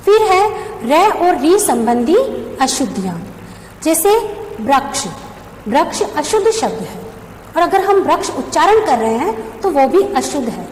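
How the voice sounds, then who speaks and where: A woman's voice: high voice, sing-song, unhurried, a little mellow. A woman teacher giving a grammar lesson, asking questions and then answering them herself as she spells out letters one by one. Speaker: school teacher. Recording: echoey room with faint background hum.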